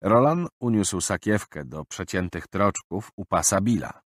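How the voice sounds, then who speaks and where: A man narrating a children's adventure audiobook, expressive and animated, in a studio. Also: sits low, a little slow, dry recording.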